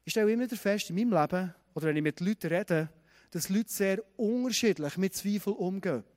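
A man's voice: high-pitched, brisk, a little mellow. A man preaching a sermon, retelling a story and asking the congregation direct questions. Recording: long hall reverb.

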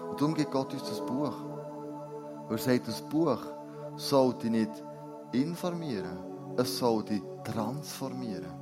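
A man's voice: medium pitch, expressive, a little slow. A man preaching a sermon, earnest and putting direct questions to his listeners. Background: soft new-age music.

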